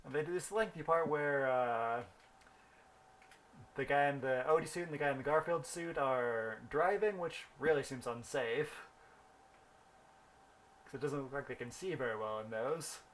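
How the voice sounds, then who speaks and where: A man's voice: medium pitch, normal speed, long pauses, a bit bright. A young man rambling through a story while thinking aloud about the game he is playing. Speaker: gaming video host. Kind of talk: casual gameplay commentary.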